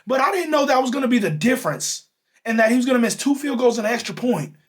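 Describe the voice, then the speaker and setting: A young man hosts a sports podcast in a high, excitable voice. He rants with heated exasperation and hammers his points home, and his voice swoops wildly up and down as he works himself up. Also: fast. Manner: heated, exasperated, emphatic ranting. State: losing his voice. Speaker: podcast host. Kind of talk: animated sports reaction rant.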